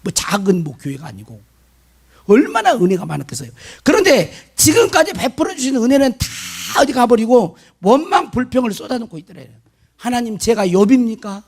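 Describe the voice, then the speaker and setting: A male pastor delivers a sermon in a high, gravelly voice with a husky edge. He tells his story with lively swings in pitch and acts out the speakers' words with emphasis. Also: a little fast. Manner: animated storytelling with emphatic retold quotes.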